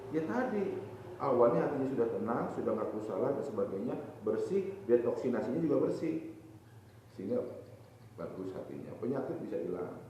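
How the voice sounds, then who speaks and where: A man preaching at a boarding school, lively, asking his listeners questions and answering them himself. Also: mid-range voice, slight background noise. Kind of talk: evening religious talk to students. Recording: distant, echoey hall, dull lo-fi sound.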